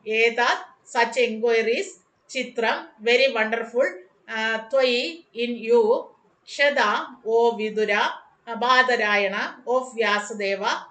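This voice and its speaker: A woman with a Malayalam accent giving a scripture lecture as a devotional speaker, halting as she searches for words. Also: fairly high pitch, fairly bright tone. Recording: echoey room sound.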